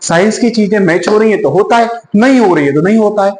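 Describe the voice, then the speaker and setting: A man's voice: sits high, fast, a little mellow, reverberant, a little hiss or hum, low-quality recording. A male teacher lecturing to students, often checking in with "yes or no" questions. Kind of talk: classroom lecture.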